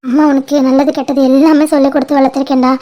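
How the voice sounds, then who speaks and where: Tender, pleading mother, voiced by a woman; high, flat, mellow voice; homemade cartoon. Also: racing, natural voice. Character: tearful mother seeing her daughter off. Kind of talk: amateur cartoon voice acting.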